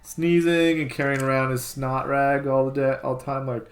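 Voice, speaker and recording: A man of middle pitch chatting loosely in a home vlog. He rambles, stacks up filler words and keeps circling back to his point. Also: flat delivery, normal speed. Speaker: co-host. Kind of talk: casual chat.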